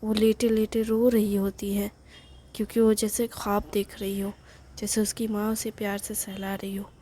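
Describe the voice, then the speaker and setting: A woman narrating a love story in a soft, half-whispered, unhurried way. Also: medium pitch, little pitch movement, a little hiss or hum.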